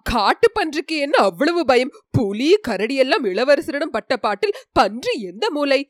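A woman voicing a patient male warrior counsellor in a storybook reading, with a slow and soothing manner. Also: sits high, big pitch swings, no echo, studio quality. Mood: scoffing.

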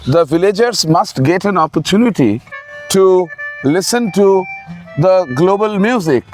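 A man's voice: sits high, expressive, a little slow, a little mellow. A man with an Indian accent explaining things as an interview guest, emphatically and with repeated phrases. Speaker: festival organiser, interview guest. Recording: faint music behind. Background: music.

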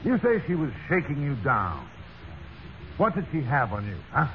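A brisk, hard-boiled police sergeant in an old radio drama. His mid-pitched voice moves a lot, over a dull, faintly noisy recording. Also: very animated. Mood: needling.

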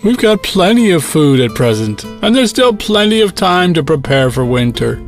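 A man's voice: a little high, big pitch swings, normal speed, soft background music. A man voicing a carefree, chirpy, lazy grasshopper who teases, in a children's cartoon story. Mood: breezy, dismissive.

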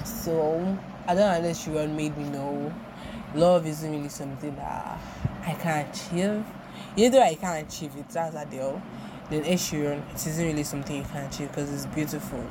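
A young Nigerian woman with a Nigerian accent and a deep voice hosts a solo podcast, rambling reflectively in a casual monologue and often repeating herself. Background noise is audible.

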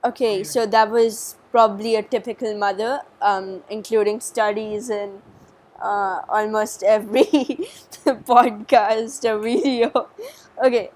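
Young woman vlogger, playful chat, slightly high voice. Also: a little mellow. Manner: chatty, playful, jokey. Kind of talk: casual family vlog.

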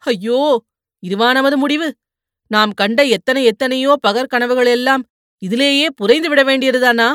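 A woman reading a novel aloud as an audiobook narrator, steady and expressive. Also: sits high, unhurried, no echo, clean studio sound. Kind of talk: scripted storybook narration.

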